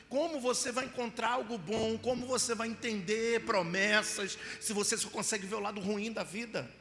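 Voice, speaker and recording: A middle-aged Brazilian man preaching a sermon, telling personal stories and acting out scenes with voices and mock crying. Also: high voice. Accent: Brazilian Portuguese. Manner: storytelling, acts out scenes with mock crying and voices, rising to shouts. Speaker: pastor. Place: church hall. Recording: live church hall with reverb.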